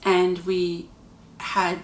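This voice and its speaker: A woman's voice: fairly low pitch, monotone, drawn-out words, reverberant, a little hiss or hum. A woman hosting her own vlog, talking casually and earnestly to her viewers with chatty asides. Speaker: vlog host. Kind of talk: casual spoken reflection to camera.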